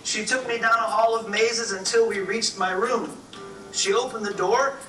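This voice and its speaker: A man tells a rhyming story with a wry touch. His voice is very high and unhurried. It is heard from a distance in an echoey room, with music underneath. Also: steady tone, sharp tone. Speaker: narrator.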